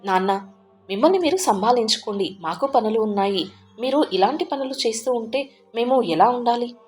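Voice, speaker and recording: A woman's voice: medium pitch, fairly even intonation, normal speed, soft background music, close to an everyday voice. A woman voicing an impatient grown son who speaks to his old father in a curt, irritated way.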